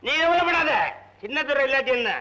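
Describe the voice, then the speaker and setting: A man's voice: extremely high pitch, expressive, fairly quick, bright, forceful tone, muffled recording, heavily acted. An actor playing a comic drunken male servant who whines and wails for liquor, in old film comedy style. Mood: drunken rambling. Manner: whiny, wailing comic complaints. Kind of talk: 1960s Tamil film comedy acting.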